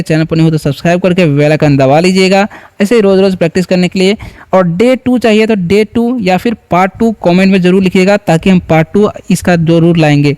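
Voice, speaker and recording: High, clear-voiced Indian teacher. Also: male voice, a little mellow. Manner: patient, repeats with "ठीक है" and quizzes viewers. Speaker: English teacher. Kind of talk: spoken lesson.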